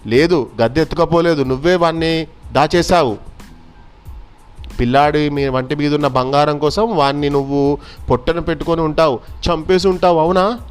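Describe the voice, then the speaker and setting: A man voicing an anxious, angry merchant father who shouts accusations at his friend, in a children's story. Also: fairly high pitch, steady tone, normal speed, clear, resonant tone, faint music behind, voice pushed up, close to an everyday voice. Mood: accusing, angry.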